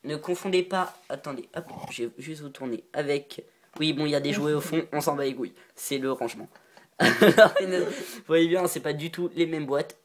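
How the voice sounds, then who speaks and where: A man's voice: on the high side, moderate pace, a little hiss or hum. Giggly rambling male vlogger. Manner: rambling, giggly, unsure of details. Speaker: reptile-keeping video maker. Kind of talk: casual show-and-tell vlog.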